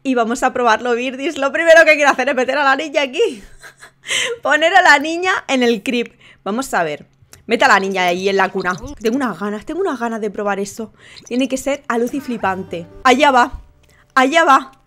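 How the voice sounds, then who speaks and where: A young woman giving excited, gushing commentary on a life-sim game. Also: high voice, brisk. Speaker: gaming youtuber. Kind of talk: casual gameplay commentary.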